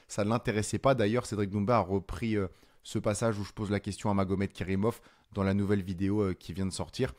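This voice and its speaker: A man hosting his own channel, explaining fight news in a casual, animated way with frequent fillers. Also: on the low side. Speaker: MMA channel host. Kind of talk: casual commentary to camera.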